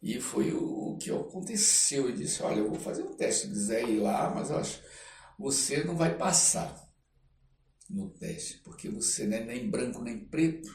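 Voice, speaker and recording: A Brazilian man from the Amazon, an artist and actor, tells his life story as an interview guest in a mid-range voice. He's animated and casual, acting out dialogue and halting often with "né" tags. The recording is roomy and echoey, with a distant mic and faint noise.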